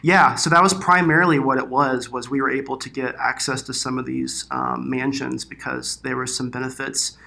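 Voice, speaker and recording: A man's voice: medium pitch, fairly even intonation, normal speed, creaky, hardly any pauses, pushed and bright. A man giving casual interview answers as a filmmaker guest, in informal, loosely phrased speech. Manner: informal, hesitant phrasing with frequent "like" and "you know".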